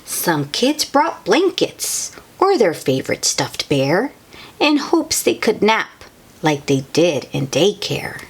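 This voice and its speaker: Slow, animated woman reading to children. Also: on the low side, husky. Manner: animated, sing-song delivery with asides to child listeners. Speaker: children's read-aloud host. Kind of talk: expressive picture-book read-aloud for young children.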